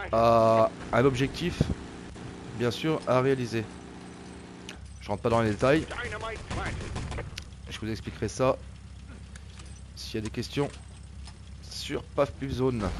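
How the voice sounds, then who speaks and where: Male gameplay narrator, mid pitch, halting delivery with fillers, faint noise behind. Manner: hesitant, many fillers and repeated words. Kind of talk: casual gameplay commentary.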